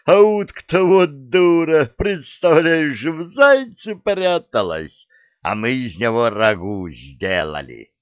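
A man's voice: on the high side, very animated, slow pace, dry recording, voice pushed up. A man playing a boisterous three-headed dragon. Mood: guffawing. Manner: guffawing, boisterous, bickering heads. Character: three-headed dragon, boozy jovial uncle. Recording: dull lo-fi recording.

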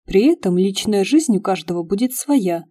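A woman reading the lines of a courteous, sad middle-aged man in an audiobook, soft and wistful. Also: mid-range voice, animated, normal speed, close to an everyday voice. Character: polite, sad middle-aged male restaurateur.

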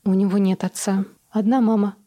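A woman's voice: medium pitch, level tone, brisk, dark tone, lightly acted. Woman doing an exasperated grown daughter. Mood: weary. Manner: weary, reasoning tone. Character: young adult daughter, patient but exasperated.

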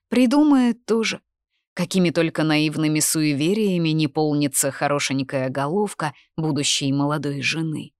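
A woman with a low voice reads a fantasy audiobook. Her storytelling is expressive and at times drops to a hush. The recording is dry and close, with no room sound. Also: dry recording. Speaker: audiobook narrator. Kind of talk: scripted fantasy audiobook narration.

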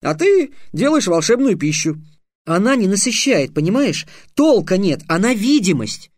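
A man's voice: high-pitched, very animated, normal speed, darkish tone, no echo, pitched above the performer's own voice. A man voicing a stern, clever teenage squire who lectures curtly. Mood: lecturing. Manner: curt, lecturing.

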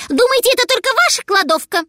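A quick, bossy she-squirrel from a storybook, voiced by a woman, scolding in a shrill voice. It sits very high and bright and jumps around a lot. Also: sing-song, dry recording, clean studio sound, exaggerated voice. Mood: indignant.

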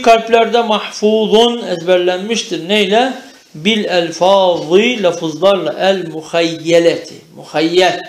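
A man with a Turkish accent teaching a classroom lesson, reading Arabic phrases aloud, translating each one and quizzing his students. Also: sits high. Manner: reads a phrase then translates and questions the class. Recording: echoey room.

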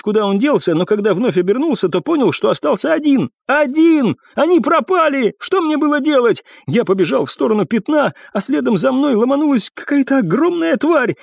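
A panicked young cadet in an audiobook, his voice climbing high and breaking into frantic shouts, as a male reader puts him on. The delivery swings widely in pitch. The sound is close and dry. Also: no room sound.

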